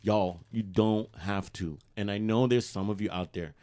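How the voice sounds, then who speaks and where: A man's voice: lowish voice, steady tone, moderate pace, warm tone, dry recording. A young man co-hosting a podcast, talking in a heartfelt, emphatic and profane way. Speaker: podcast co-host. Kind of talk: candid podcast chat.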